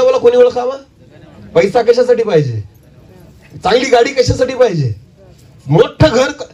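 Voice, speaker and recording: A man preaching a sermon to a congregation, firing rhetorical questions and pressing listeners to answer, shifting between shouts and quiet low phrases. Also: breathy edge, recorded from a distance. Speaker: pastor.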